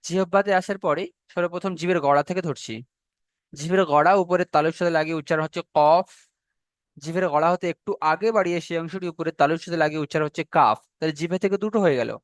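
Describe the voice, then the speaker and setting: Slow, repetitive male tajweed teacher. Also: on the high side, steady tone, no echo. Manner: slow and repetitive, drawing out each letter sound; checks in with students. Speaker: Quran recitation teacher. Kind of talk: classroom lesson on letter pronunciation.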